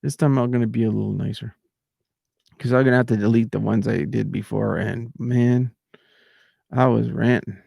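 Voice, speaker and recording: A man's voice: medium pitch, vocal fry, mellow, husky, dry recording, clean studio sound. A man ranting and rambling in casual talk on his own livestream, repeating himself and trailing off. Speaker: livestream host.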